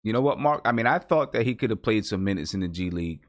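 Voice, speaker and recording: A man's voice: on the low side, expressive, fast, dry recording, studio quality. A man chatting casually about sports as a podcast panelist.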